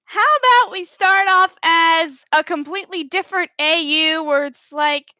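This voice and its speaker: A woman's voice: extremely high pitch, moderate pace, pushed and bright, no echo. A giggly, playful young woman chatting casually on a phone call and planning a role-play story. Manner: giggly, playful, fond of silly sound effects.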